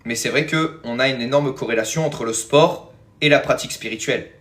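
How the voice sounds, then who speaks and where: A man's voice: mid-range voice, fairly quick, a bit bright. Chatty man rambling to his viewers. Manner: rambling, many fillers and "hein", calls viewers "les amis". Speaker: spiritual teacher hosting a live stream. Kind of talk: casual live-stream chat answering viewers.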